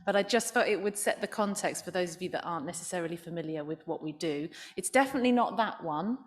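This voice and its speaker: A woman speaks on a panel at a live event, her voice on the low side. Her delivery is chatty and informal, with an easy, conversational flow. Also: fast talker. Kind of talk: panel talk. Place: large event hall.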